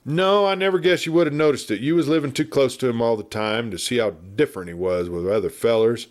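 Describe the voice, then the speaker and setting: A fast-talking man at medium pitch, lightly acting, plays an irascible yet good-natured frontier marshal who can't stop talking in a storybook. Expect a blustery, folksy American Western drawl with a gossipy, animated feel.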